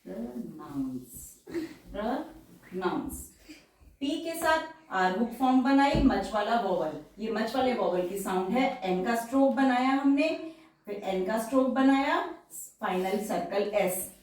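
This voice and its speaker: A woman shorthand teacher, explaining slowly and repeating each example word several times. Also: a little high, animated, a little mellow. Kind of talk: explanatory lesson. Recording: very echoey room, voice far from the mic.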